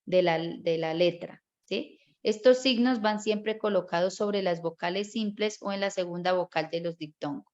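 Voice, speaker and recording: A woman's voice: lowish voice, normal speed, hardly any pauses, a little mellow, lo-fi sound. Woman teaching a class over a call. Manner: explains step by step, often checks with students. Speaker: Bible course teacher. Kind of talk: online class lecture.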